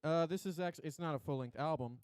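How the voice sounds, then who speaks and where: A man's voice: fairly high pitch, fast, darkish tone, dry recording. A man co-hosting a casual chat about metal albums, mostly giving short agreeing replies and dry quips. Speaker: podcast co-host.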